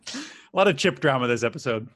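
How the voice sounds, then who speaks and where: A man's voice: medium pitch, big pitch swings, a little fast, fairly bright tone, no echo, clean studio sound. A man co-hosting a casual conversation about a TV episode. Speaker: podcast co-host.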